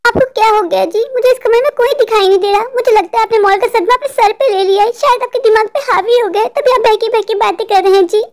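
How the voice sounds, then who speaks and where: Cartoon wife, dutiful and soothing, played by a woman, high bright register. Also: fast talker, hardly any pauses. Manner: gentle, deferential, reassuring. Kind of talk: cartoon voice acting.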